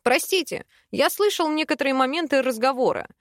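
A woman voicing an eager, cheerful young male student who is a witcher, speaking high and quick. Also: expressive, dry recording, studio quality.

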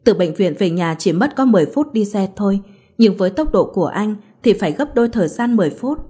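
Woman storyteller, calm scripted narration, mellow husky voice. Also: mid-range voice, fast talker.

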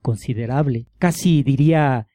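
A man's voice: medium pitch, normal speed, dark tone, dry recording, studio quality, close to an everyday voice. A man playing a mocking, defiant tortured prisoner. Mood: sardonic. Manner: sardonic, ironic, mocking politeness. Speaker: radio drama actor. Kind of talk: radio drama acting.

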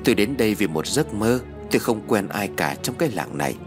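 A man's voice: lowish voice, big pitch swings, fairly quick, over music. A man voicing a kindly old sorcerer. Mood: calm. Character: kindly old male sorcerer, calm and wise. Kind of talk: storybook reading.

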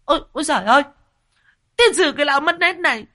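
A man voicing a shrill, furious middle-aged village woman, screeching curses in a told ghost-comedy story. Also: animated, fast, sharp tone, full character voice. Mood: shrieking furious. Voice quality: screeching, cursing.

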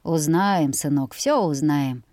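A woman voicing a calm, heavy-voiced peasant father who speaks slowly and steadily in a storybook. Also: fairly low pitch, no echo, clean studio sound. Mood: soothing. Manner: calm, deliberate.

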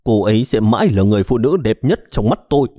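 A man's voice: medium pitch, expressive, fast, warm tone, no echo, studio quality, lightly acted. A man voicing a grim, furious husband who snarls harshly in a storybook reading.

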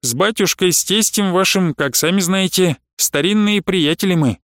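A man's voice: high-pitched, moderate pace, no echo, studio quality. A man voicing a wily older merchant who haggles, pleads and blusters. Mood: wheedling. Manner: bargaining, pleading, bursts of shouting.

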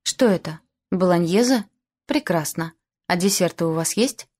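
A woman's voice: on the low side, animated, moderate pace, darkish tone. A woman voicing a cheerful, boyish older uncle who talks with playful enthusiasm, in an audiobook. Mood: enthusiastic.

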